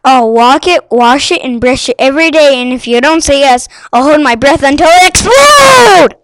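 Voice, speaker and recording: A spoiled young girl pleads at full volume, her high voice pushing and whiny, as a storybook figure. A woman reads her out, dropping into the part. The recording is close and dry. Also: lively intonation, moderate pace, no room sound, poor audio. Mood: demanding. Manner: loud, insistent and whiny. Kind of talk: storybook read-aloud.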